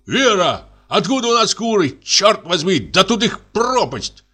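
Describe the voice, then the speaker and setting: A man's voice: high-pitched, big pitch swings, a little slow, sharp tone, voice pushed up, exaggerated voice. A man reading aloud and voicing a tipsy, worn-out husband who coaxes, curses and frets. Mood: flustered, frantic. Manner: wheedling, then cursing and exasperated. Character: tipsy, exhausted middle-aged husband, fussy and pleading.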